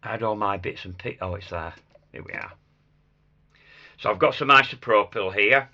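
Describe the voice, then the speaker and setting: A man with a croaky, hoarse voice giving a casual hands-on craft demonstration, muttering small asides to himself as he works. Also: fairly low pitch, normal speed, sharp tone, highs cut off. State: hoarse after a chest infection. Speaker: craft tutor demonstrating sugar flowers.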